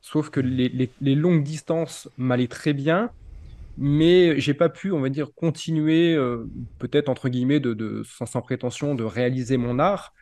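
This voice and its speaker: A man in his forties from France tells his story in a casual interview, acting out the exchanges with lively quoted dialogue and many fillers. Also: medium pitch, a little slow, no room sound. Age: 40s. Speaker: interviewee, ultra triathlete.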